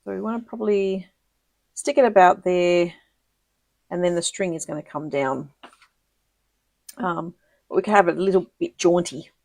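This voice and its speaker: A woman talks through a crafting project on a live stream, chatty and quick to laugh, with plenty of ums and restarts. Her voice sits a little low, and the sound is dry and close with no room around it. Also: vocal fry, a little mellow, no room sound. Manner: chatty, giggly, lots of ums and self-corrections. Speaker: papercraft demonstrator hosting a live video. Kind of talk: casual live crafting tutorial.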